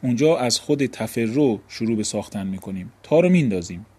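A man's voice: medium pitch, lively intonation, mellow, husky. A man teaching an Arabic grammar lesson, explaining step by step and asking and answering his own questions.

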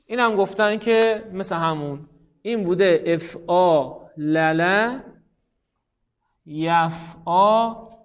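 High-voiced man teaching a class. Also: highs cut off. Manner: explains step by step, repeats forms slowly, quizzes students by name. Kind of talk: classroom grammar lesson.

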